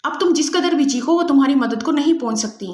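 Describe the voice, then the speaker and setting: A woman's voice: high voice, expressive, darkish tone, roomy sound. A woman doing a sneering, ruthless female agent. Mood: sarcastic menace. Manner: mocking, sarcastic, menacing. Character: ruthless female agent, cold and sarcastic torturer.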